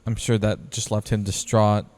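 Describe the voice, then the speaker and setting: Low, smooth-voiced man, calm and measured. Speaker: podcast co-host. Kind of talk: casual podcast chat.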